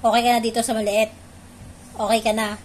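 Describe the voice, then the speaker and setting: A woman's voice: a little high, little pitch movement, fairly quick, a little hiss or hum. A woman playfully teasing her pet dog, repeating short commands and questions in a coaxing way. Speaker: pet owner.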